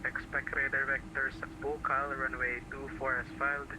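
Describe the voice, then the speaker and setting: A man's voice: mid-range voice, completely flat delivery. A man working as an air traffic controller, heard over an online group voice radio channel, giving clipped instructions with the odd hesitant "uh". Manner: brisk, clipped, with hesitant uhs. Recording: noisy voice-chat radio, distant.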